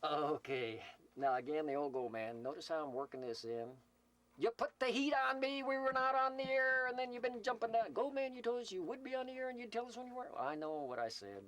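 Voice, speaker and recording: Speaking into a CB radio microphone while being filmed, a man runs a community roll call from Slab City, a California desert camp. His voice is very high, expressive, fairly bright and a little fast, and his improvised announcements ramble along in a folksy, teasing, joking way.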